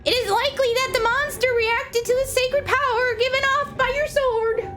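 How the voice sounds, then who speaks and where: A woman voicing a wise old grandmother sage, reading game dialogue aloud in a slow, solemn, formal way. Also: extremely high pitch, fairly even intonation, music in the background, voice pushed up.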